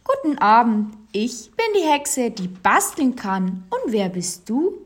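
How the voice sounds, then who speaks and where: A woman's voice: a little high, very animated, slow pace, exaggerated voice. Woman doing a confident tinkering witch. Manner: confident and helpful. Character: cheerful handy witch who fixes things.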